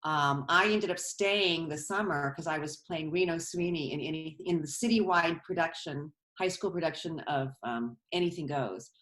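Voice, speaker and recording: Speaking from her bedroom on a video call, this middle-aged Colorado woman, a stage actress, is a guest in a casual interview chat. She talks at a moderate pace with few pauses in a low, slightly bright voice, rambling and restarting through her stories.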